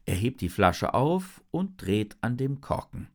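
A storyteller reading a children's story aloud in an expressive, dramatic way. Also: medium pitch, measured pace.

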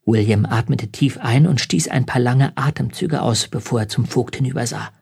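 Husky male audiobook narrator. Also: medium pitch, a little mellow. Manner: measured, tense storytelling. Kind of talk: scripted narration.

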